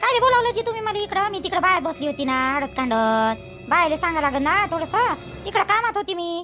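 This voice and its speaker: A woman playing a bossy, sharp-tongued mother-in-law, calling out orders. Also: sing-song, over music. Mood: bossy, busy. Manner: calls out orders, quick and shrill.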